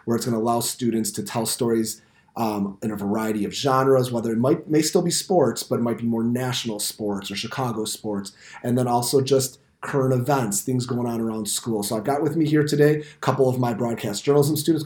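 A man's voice: mid-range voice, a little mellow. A middle-aged American man casually hosting and interviewing on a podcast. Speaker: podcast host and teacher. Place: indoor school podcast studio. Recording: roomy, reverberant room sound.

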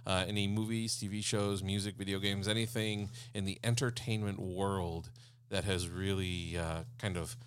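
Deep-voiced man co-hosting a podcast. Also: steady tone, moderate pace, clean tone, no room sound. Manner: eager, earnest, with many "uh" and "um" fillers. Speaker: podcast co-host. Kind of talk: casual chat.

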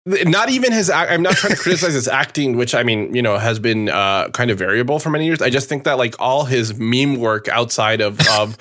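A man co-hosting a casual movie chat, talking in a wry, animated way with lots of fillers. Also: medium pitch, fairly quick, few pauses. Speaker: podcast co-host.

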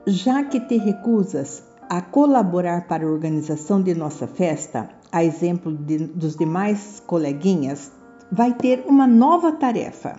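A woman's voice: on the low side, animated, measured pace, mellow. A woman storyteller voicing a stern, commanding schoolteacher in a children's story, on a muffled recording with music behind.

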